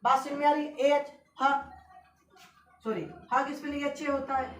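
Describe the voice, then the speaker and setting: A woman teaches a classroom lesson in a high, clear voice, often pausing to ask whether her students follow. She spells out letters slowly and with emphasis. The sound is roomy and distant, with a faint hiss underneath. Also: steady tone. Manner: repetitive, keeps checking students understand. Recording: echoey room from far off, faint hiss.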